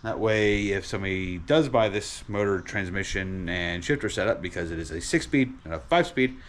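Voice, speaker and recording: A man giving a casual car vlog in a tired, sedated, halting way, sounding drowsy and medicated. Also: deep voice, lively intonation, slight background noise. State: tired and drugged on muscle relaxers. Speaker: car vlogger and home mechanic.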